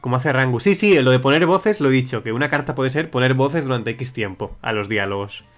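Brisk and mid-range, the voice belongs to a young man casually streaming and reading what viewers suggest. He's talkative and rambling, restarting often and cursing, with soft music underneath.

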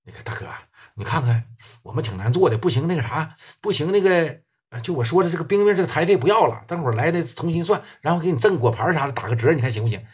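A man with a Northeastern Mandarin accent voicing an apologetic male nightclub manager who pleads in a low, placating way. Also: expressive, quick pace, husky. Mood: pleading.

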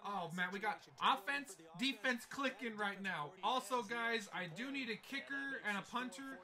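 Excitable high-voiced young gamer man. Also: normal speed. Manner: excitable, yelling at big plays. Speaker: gaming YouTuber. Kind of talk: gameplay commentary.

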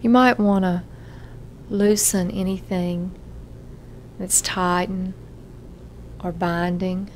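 Leading a self-hypnosis session meant for relaxation, a female therapist gives gentle, measured guidance with many pauses. Her fairly low voice has a flat delivery, and faint background noise sits underneath.

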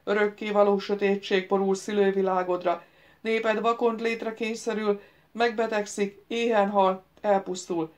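A woman voicing an unseen, imperious male voice that questions and mocks a prince in a loud, commanding way. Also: mid-range voice, pitched above the performer's own voice, close to an everyday voice.

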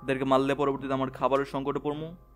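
A young man, quietly commentating his gameplay in a soft, hushed voice late at night. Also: medium pitch, monotone, fast talker, music in the background. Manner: talks softly and quietly, late-night hush. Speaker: gamer channel host.

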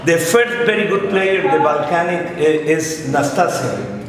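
Older guy asking questions in broken english, fairly high voice, echoey room from far off. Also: unhurried, crowd noise. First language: Spanish. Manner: broken English mixed with Spanish, animated gestures, laughs often. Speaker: sports TV interviewer. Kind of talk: casual interview.

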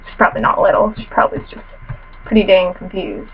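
A woman's voice: medium pitch, very animated, fast talker, phone-quality sound, slight background noise. A teenage girl commentating her own game casually, chatty and self-mocking with playful trash talk, a little sniffly after a cold, in her bedroom at home. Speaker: gamer commentator.

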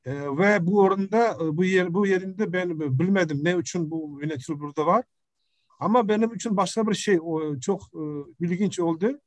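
A middle-aged man with an Uzbek accent giving an academic presentation on a video call, speaking halting, broken non-native Turkish mixed with Uzbek. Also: sits high, dry recording. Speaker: professor presenting research. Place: indoor room, video call. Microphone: computer microphone on video call.

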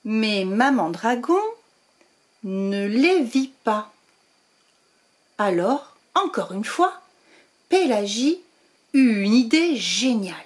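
Woman storyteller, slow read-aloud, voice that rises and falls a great deal. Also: on the high side, sing-song. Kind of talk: children's storybook reading.

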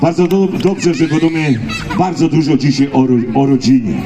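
A man's voice: on the high side, moderate pace. A man with a Silesian accent telling folksy comic stories to a live audience, exclaiming and repeating phrases as he addresses the crowd. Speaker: stage entertainer and singer. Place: live stage at a picnic event. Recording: echoey live PA with music.

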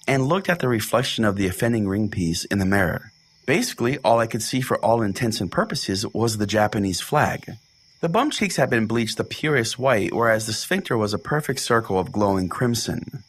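A man plays a quirky, oblivious pastor hosting a spoof religious podcast, hosting and reading aloud for laughs. His voice is fairly low and a bit bright, and he rambles in a folksy, mock-earnest way.

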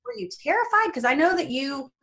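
A woman in her forties from New Jersey, a guest telling lively family stories over a video call from her home. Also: very high voice, brisk, vocal fry. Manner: animated storyteller who acts out quoted family members. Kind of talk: casual faith interview.

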